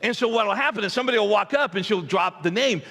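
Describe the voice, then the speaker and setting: A man preaching with a high, bright, forceful voice, spinning a self-deprecating anecdote for his congregation. His words ring out with a long reverb from the church auditorium. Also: lively intonation, fast talker. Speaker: pastor. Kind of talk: humorous storytelling sermon.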